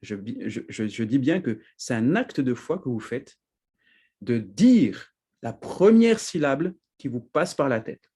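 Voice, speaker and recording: A husky-voiced man giving a teaching sermon at a middle pitch. He talks in an animated way, jumping up for emphasis and often laughing as he goes. He keeps checking that his listeners follow along. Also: slow pace. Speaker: preacher.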